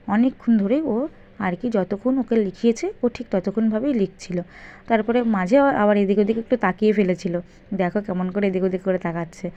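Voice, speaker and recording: A young woman vlogging in a casual, chatty way, repeatedly talking straight to her viewers. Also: medium pitch. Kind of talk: casual vlog narration. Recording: dull lo-fi sound.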